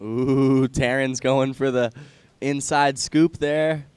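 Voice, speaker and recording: A man's voice: mid-range voice, steady tone, slow pace, a little mellow, smooth, no echo. A man doing casual live sports commentary in a laid-back, chatty surfer style. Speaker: surf contest commentator.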